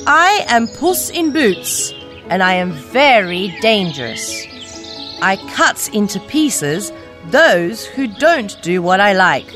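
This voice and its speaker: A woman's voice: mid-range voice, very animated, slow pace, music in the background, voice pushed up. A woman voicing a clever, bold male cat who boasts and gives orders. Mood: commanding. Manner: boastful, commanding, sly.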